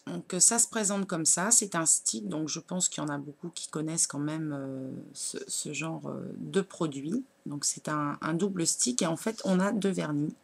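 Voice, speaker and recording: A woman's voice: low voice, moderate pace, gravelly, hardly any pauses, husky. A woman, chatting casually as a beauty blogger while unboxing nail products, with lots of hesitant fillers. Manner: chatty, many fillers, shows products to camera.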